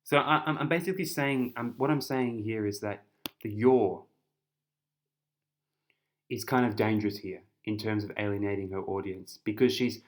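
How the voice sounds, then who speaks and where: In a chatty, casual tutoring style, a young Australian man with a fairly low voice walks through an essay. He often repeats words and restarts his sentences.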